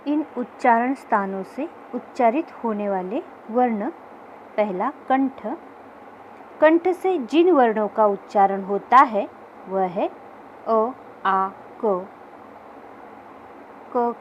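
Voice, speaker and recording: A woman teaching a grammar lesson in a slightly high voice, taking her time over every word. She sounds out each letter one at a time with care. A faint hiss of background noise sits under her voice. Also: poor audio. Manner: slow, careful explanation that spells out letter sounds one by one.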